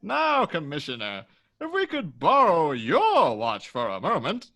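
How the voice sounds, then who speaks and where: A man's voice: fairly high pitch, wildly swooping pitch, measured pace, a bit bright, exaggerated voice. A man playing a gleeful, menacing Joker posing as a comic policeman in a script table read, theatrical and playful. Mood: mock-polite joking.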